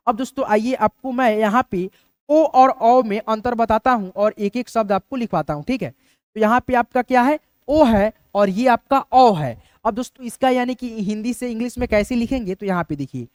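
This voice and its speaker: A man's voice: high-pitched, darkish tone, smooth, dry recording, studio quality. A man teaching a lesson, patiently spelling out words letter by letter and often checking in with his students.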